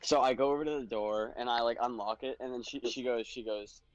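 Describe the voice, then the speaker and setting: A man's voice: medium pitch, fairly even intonation, a little fast, no room sound, muffled recording. Blunt young man ranting casually. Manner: blunt, swears freely, exasperated rants. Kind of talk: casual chat while gaming.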